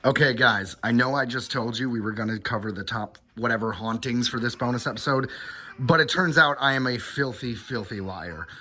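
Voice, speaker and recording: A man with a medium-pitched voice talks fairly quickly in a sharp tone, with slight background noise. He's hosting a podcast from a hotel room while on vacation, casually running through news updates. His manner is informal, and he calls his listeners "guys."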